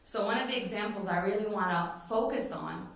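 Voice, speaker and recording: A woman's voice: mid-range voice, brisk. Woman speaking in a very echoey hall. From Morocco. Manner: earnest storytelling, frequent "you know" fillers. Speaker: forum speaker. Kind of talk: personal stage talk. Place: conference plenary hall.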